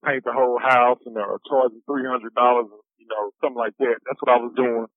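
A man calling collect from a prison payphone, talking in a meandering, soft-spoken way that trails off. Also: mid-range voice, steady tone, brisk, no echo. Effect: heard over a prison payphone line. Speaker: incarcerated caller on a collect call. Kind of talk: casual phone conversation. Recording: tinny dry phone line.

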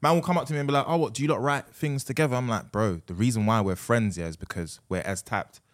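Fast-talking young London man telling stories. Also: medium pitch. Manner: animated, slangy, repeats himself. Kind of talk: casual chat, storytelling.

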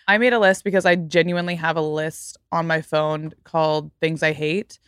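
A woman's voice: low-pitched, steady tone, moderate pace, clear, resonant tone, no echo, studio quality. A young woman hosting a podcast, talking casually and emphatically with lots of "like". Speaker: podcast host. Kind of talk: casual podcast chat and read ad.

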